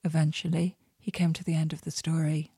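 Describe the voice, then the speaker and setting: Lady reading a story, low dark husky voice, slow and intimate. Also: level tone, no echo, studio quality. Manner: soft, unhurried and intimate. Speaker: narrator. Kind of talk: audiobook narration.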